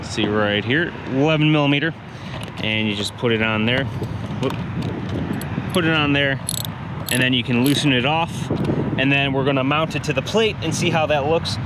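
A man's voice: mid-range voice, moderate pace, long pauses. A man giving a casual hands-on how-to, thinking aloud informally as he works, recorded outdoors on an action camera. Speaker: DIY how-to video host. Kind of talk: casual hands-on tutorial narration. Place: outdoors beside a vehicle in daylight. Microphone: action camera held or mounted near him. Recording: clear outdoor background noise on action camera.

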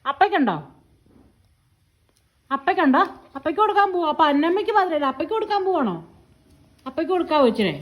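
A woman's voice: very high voice, expressive, fast, long pauses. A mother at home talking to her toddler in coaxing, teasing baby talk full of repeated questions.

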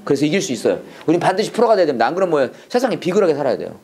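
A man teaching a preachy Bible English lesson to a class, animated and leading call-and-response while mixing English and Korean. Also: on the high side, rapid-fire.

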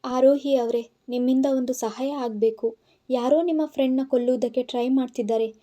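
A woman's voice: sits high, steady tone, brisk, dark tone, natural voice. Woman voicing a pleading young hero. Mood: questioning. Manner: pleading, urgent questioning. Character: young man, worried protective hero.

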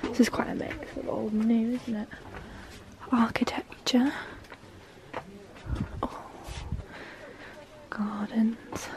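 A young woman vlogging as she browses shops, chatty, often dropping to a hushed whisper. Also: a little high, flat delivery, a little fast, gravelly, hardly any pauses. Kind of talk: casual travel vlog. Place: shops in a small town, indoors and out. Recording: noisy handheld vlog audio.

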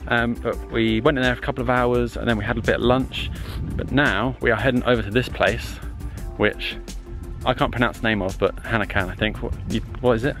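Music plays behind this young man as he narrates his travel vlog a little fast in a medium-pitched voice. Holding the camera at arm's length, he talks in a relaxed, chatty, somewhat hesitant way full of fillers, moving between a desert rock site and his campervan.

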